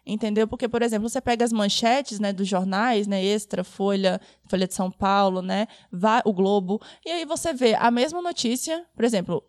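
A woman's voice: mid-range voice, moderate pace, few pauses, no echo, studio quality. A young woman journalist with a Brazilian Portuguese accent, chatting as a guest on a podcast in a casual, slangy way. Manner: chatty, uses slangy asides.

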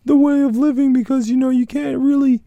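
Man doing a news reporter voice, very high-pitched, thin and distant, preachy, self-serious. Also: flat delivery, fairly quick, vocal fry, mellow, no room sound. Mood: mock serious.

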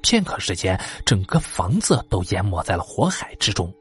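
A male storyteller giving an expressive narration of a folk-horror tale. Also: low voice, normal speed, slightly rough. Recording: faint background music.

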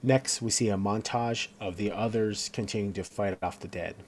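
Male co-host with a lower voice, narrates the action scene by scene, stumbles and restarts. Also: fairly even intonation, moderate pace, darkish tone, slight background noise. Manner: reads along with fillers and self-corrections. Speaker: co-host recapping a TV episode. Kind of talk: casual scene-by-scene recap.

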